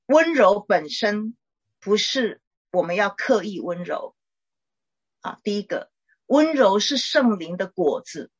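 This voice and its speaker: A middle-aged woman, a pastor's wife, gently teaching and counseling a caller in a chatty way with small laughs. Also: mid-range voice, sing-song, slow, breathy edge, muffled recording. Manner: warm conversational teaching, frequent "哈" tags and laughs.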